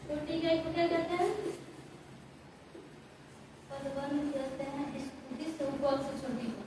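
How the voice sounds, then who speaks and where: High-pitched woman teacher drilling a class by question and answer, picked up from across a noisy, echoing room. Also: fairly even intonation, unhurried. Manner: asks questions and answers them herself, repeating key terms. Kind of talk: classroom grammar lesson. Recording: echoey room from far off, noisy.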